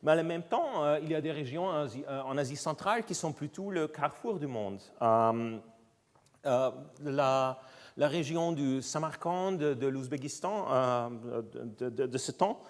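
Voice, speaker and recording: Halting man lecturing in foreign-accented French. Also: on the high side, expressive. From Austria. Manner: halting, searching for words in a non-native language. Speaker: visiting scientist giving a guest lecture. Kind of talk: academic lecture. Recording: lecture hall with long reverb.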